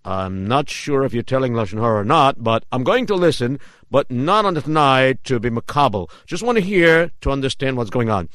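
A man playing a calm, pious rabbi who speaks slowly and deliberately. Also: mid-range voice, dry recording, natural voice. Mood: wary. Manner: measured, slow and deliberate.

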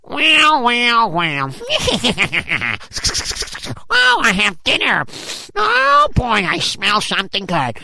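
A man voicing a hungry, gloating male snake in a children's story, with a gravelly voice. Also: high-pitched, huge pitch swings, drawn-out words, sharp tone, a little hiss or hum, heavily acted. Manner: gloating, smacking his lips over a meal.

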